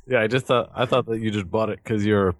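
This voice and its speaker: A man co-hosting a casual comedic chat, cutting in with wry, quick jokes. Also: fairly low pitch, fairly even intonation, no echo, clean studio sound. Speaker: podcast co-host.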